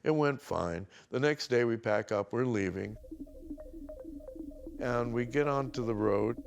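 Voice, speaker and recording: A man's voice: mid-range voice, unhurried, creaky, faint music behind. An older man telling stories from his past in an interview, rambling and restarting often. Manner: rambling, with many restarts and acted quotes. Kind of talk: anecdotal storytelling.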